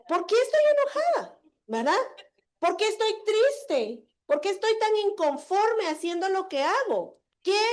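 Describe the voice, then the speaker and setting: Conference speaker: Guatemalan woman, high-pitched, animated and confiding with her audience. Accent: Guatemalan Spanish. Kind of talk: storytelling talk to an audience. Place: conference hall.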